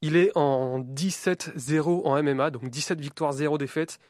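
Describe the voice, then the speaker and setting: A man's voice: fairly high pitch, steady tone, moderate pace, a little mellow, no echo, clean studio sound. A man co-hosting a casual sports show, breaking down a fighter's style in a methodical and enthusiastic way. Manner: enthusiastic, methodical, self-deprecating. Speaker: co-host of a combat sports show. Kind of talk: casual sports debrief, detailed fighter analysis.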